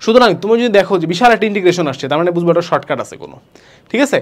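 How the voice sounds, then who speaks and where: Lively fast-talking young male tutor. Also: high voice. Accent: Bangladeshi Bengali. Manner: mixes English words, asks students rhetorical checks. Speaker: admission test tutor. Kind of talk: video lesson on exam tips.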